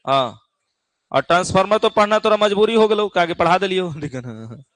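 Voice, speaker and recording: A man's voice: sits high, lively intonation, normal speed, a bit bright, dry recording. Man teaching a physics class. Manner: keeps asking the class "theek hai na?"; chatty, teasing exam tips to students. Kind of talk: classroom lecture.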